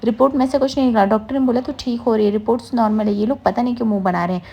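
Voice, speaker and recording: Woman reading a worried fussy mom, coaxing, mellow dark tone. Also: fairly high pitch, fairly even intonation, rapid-fire, creaky, breathy edge. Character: anxious, doting middle-aged mother.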